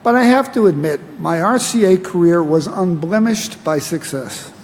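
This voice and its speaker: An older American man giving a prepared acceptance speech at a ceremony, measured and dry-humored, at a podium microphone. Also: high voice, lively intonation. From United States. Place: large ceremony hall. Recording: long hall reverb, faint noise.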